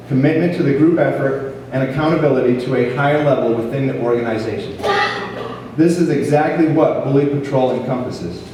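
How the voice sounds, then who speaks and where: A man's voice: mid-range voice, warm tone. A man giving an earnest, formal prepared speech as the leader of a program. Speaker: police officer speaking as program leader. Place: large echoing hall at a school ceremony. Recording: echoey hall from far off, faint noise.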